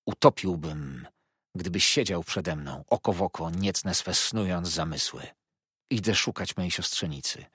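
Here is a man reading as a grief-stricken old fisherman whose voice is hollow and dull with shock before it hardens into fierce resolve. The voice sits very low with a husky grain. The recording is close and dry. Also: measured pace, fairly bright tone, no echo, exaggerated voice. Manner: hollow, dull delivery turning vehement. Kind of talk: audiobook character reading.

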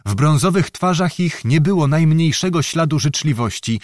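A man narrating an audiobook in a steady, measured reading voice. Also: a little high, no room sound, clean studio sound.

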